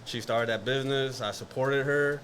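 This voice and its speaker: A man from Dallas in his thirties co-hosting a casual sports podcast, joking and animated. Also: mid-range voice, normal speed, a little hiss or hum. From Dallas, Texas. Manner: joking, animated, laughs easily. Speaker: podcast co-host.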